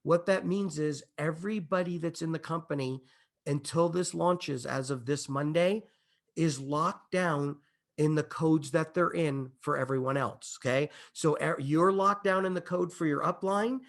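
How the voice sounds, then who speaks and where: A man giving an excitable, emphatic business opportunity presentation, building hype and checking in with his audience as he goes. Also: on the high side, measured pace, gravelly. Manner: repeats "okay?" and "imagine this" to the audience. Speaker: company presenter.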